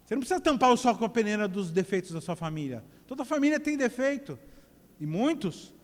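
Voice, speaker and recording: A man's voice: high voice, very animated, fast talker. A man preaching a sermon in church, talking in a loose, joking way and often restarting his words. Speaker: pastor. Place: church hall. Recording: long echo of a church hall.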